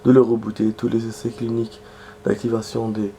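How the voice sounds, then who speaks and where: Briskly reading game text aloud, a streamer with a cold chats casually while he plays and keeps clearing his throat. His voice is low, flat and gravelly, dotted with muttered asides, and there's slight background noise.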